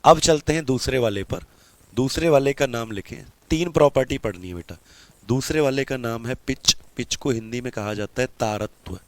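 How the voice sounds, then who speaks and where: Hindi teacher with a dry close sound. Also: male voice, medium pitch, dry recording. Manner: repeats questions and answers them himself, calls students beta; slows down to dictate notes. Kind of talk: live online physics lesson.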